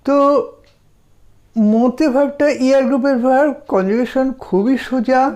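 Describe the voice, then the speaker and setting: A man with a Bengali accent teaching a language lesson, slowly drilling verb forms for listeners to repeat. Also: very high voice, dark tone. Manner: slow, deliberate drilling of verb forms for repetition. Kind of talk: slow spoken language lesson.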